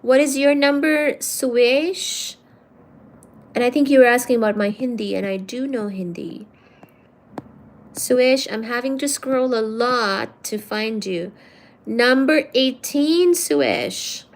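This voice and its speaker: Her voice sits on the high side and she takes her time. As the host of a livestream, this woman reads viewer comments aloud in a relaxed, teasing way, addressing them as "darling" with playful charm.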